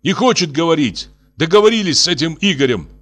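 A man voicing an agitated young man who shouts himself hoarse and tearful, in a storybook reading. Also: fairly high pitch, lively intonation, a little fast, voice pushed up. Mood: shouting. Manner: loud, voice breaking, shouting.

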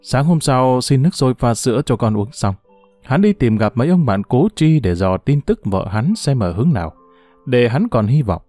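Man, audiobook narrator, measured storytelling, dry recording, faint music. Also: mid-range voice, big pitch swings, dark tone, no room sound. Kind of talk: scripted novel narration. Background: faint background music.

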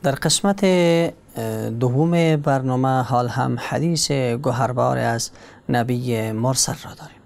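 A man's voice: mid-range voice, gravelly, darkish tone, faint music behind. A man formally introducing segments of a religious TV program. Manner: formal, measured announcing. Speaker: program announcer.

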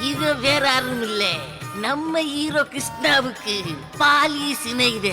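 A woman voicing a slow, drawn-out film narrator who introduces the characters, with reverb and music. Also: sits high. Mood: mocking.

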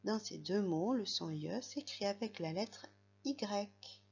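A woman's voice: medium pitch, expressive, slow pace, darkish tone, dull audio, a little hiss or hum. A woman teaching a young child to read, patiently spelling out letters and sounds. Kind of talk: reading lesson for a young child.

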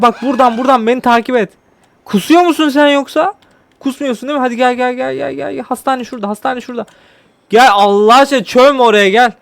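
A man giving casual gameplay commentary, pleading and apologizing to a game character. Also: very high-pitched. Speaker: gameplay streamer.

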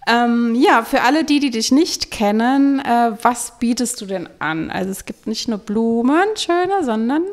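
A woman's voice: a little high, lively intonation, measured pace, few pauses. A woman hosting a wedding podcast, chatting in an upbeat, laughing way. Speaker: podcast host, wedding planner.

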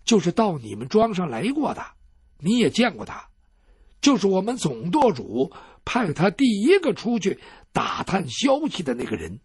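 A male storyteller voicing a calm, sly male swordsman who speaks in a measured way. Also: sits high, slightly rough, dry recording, studio quality, exaggerated voice. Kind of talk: traditional Chinese storytelling.

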